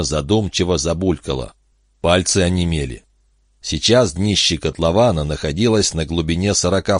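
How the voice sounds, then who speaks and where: A man reads an audiobook in steady, measured scripted narration. His voice is very deep and recorded dry and close. The delivery stays even and unhurried. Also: dry recording.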